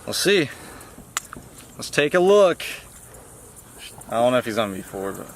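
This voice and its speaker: A young man vlogging while bank fishing at a pond outdoors, talking in excited slang and bursting into shouts. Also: medium pitch, unhurried. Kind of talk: excited outdoor vlog commentary.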